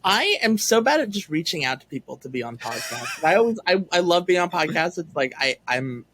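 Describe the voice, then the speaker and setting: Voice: mid-range voice, very animated, a little fast, a bit bright, slight background noise. A game designer chatting as a podcast guest, rambling and self-deprecating with lots of fillers. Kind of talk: casual interview chat.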